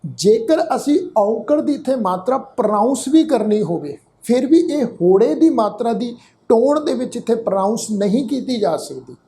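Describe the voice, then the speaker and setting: A man teaching scripture pronunciation, spelling out letters and vowel marks and then saying each word slowly. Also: very high voice, expressive, warm tone, slight background noise. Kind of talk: slow line-by-line scripture pronunciation lesson.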